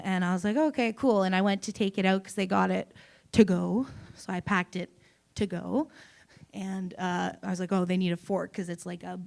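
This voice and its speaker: A young woman doing an open mic stand-up set on a small stage, deadpan with sudden loud bursts and giggles. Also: medium pitch, creaky. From Canada. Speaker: stand-up comedian. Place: small comedy venue on stage.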